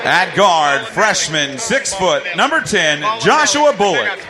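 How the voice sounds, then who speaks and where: Male arena PA announcer for lineup calls, booming and drawn-out, high-pitched and slow, over loud music and crowd. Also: lively intonation. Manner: booming stadium announcer delivery, drawn-out names. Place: high school gymnasium. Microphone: PA system.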